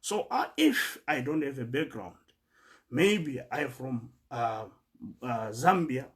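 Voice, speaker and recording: A man's voice: medium pitch, animated, slow, fairly bright tone. A man from Zimbabwe with a Zimbabwean accent, giving an earnest monologue that cites scripture and stumbling as he repeats words while searching for the next. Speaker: speaker addressing fellow migrants.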